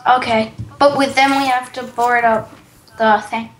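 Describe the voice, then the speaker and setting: A woman's voice: a little high, fairly even intonation, a little slow, a bit bright. A woman hosting a casual game commentary. She chats and exclaims as she plays and reads quest text aloud. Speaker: gaming channel host. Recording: echoey room with faint hiss.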